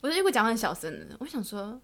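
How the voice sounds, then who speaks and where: A young woman in university co-hosting a casual chat podcast, animated and quick to laugh as she tells exasperated stories. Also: on the high side, a crowd in the background. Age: young adult. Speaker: podcast co-host.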